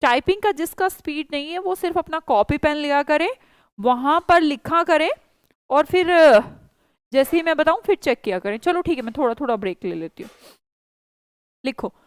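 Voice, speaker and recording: A woman's voice: high voice, dry recording. A woman with an Indian accent teaching a spoken English class online, coaxing and reassuring her students.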